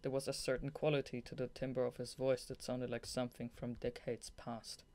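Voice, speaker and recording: A mid-pitched young voice narrates a scripted novel for an audiobook at an ordinary pace, interrupting with excitable, giggling blooper asides between passages.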